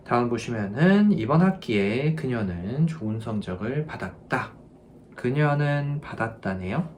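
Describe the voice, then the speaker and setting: A man's voice: medium pitch, expressive, slight background noise. Patient male language teacher. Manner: explains patiently, drills verb forms by repeating them slowly. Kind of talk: online grammar lesson.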